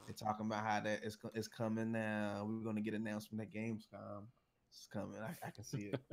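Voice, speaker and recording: A man's voice: lowish voice, monotone, fast talker, vocal fry. A man co-hosting a casual gaming podcast over voice chat, laid-back and rambling, swearing often. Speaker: podcast co-host.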